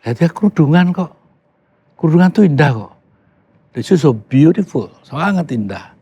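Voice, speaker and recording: A man's voice: fairly high pitch, lively intonation, normal speed, dark tone, slightly rough. An older man from Yogyakarta, talking casually as a podcast guest, emphatic and mixing in English phrases. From Yogyakarta, Indonesia. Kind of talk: casual conversation.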